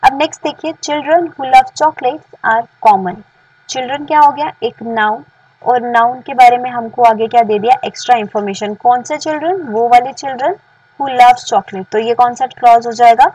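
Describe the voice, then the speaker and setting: An Indian woman teaches English grammar in a bilingual lesson, reading example sentences slowly and asking rhetorical questions. Her voice sits a little high and sounds husky. The recording is dry, with the mic set back from her. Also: darkish tone, dry recording, recorded from a distance, lo-fi sound. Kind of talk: bilingual classroom-style lesson.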